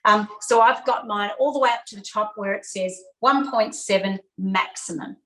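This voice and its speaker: A woman's voice: mid-range voice, normal speed, bright, forceful tone, rough recording. A woman hosting an online cooking lesson for kids, chatty, repeating key steps with fillers, on a video call. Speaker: cooking class host.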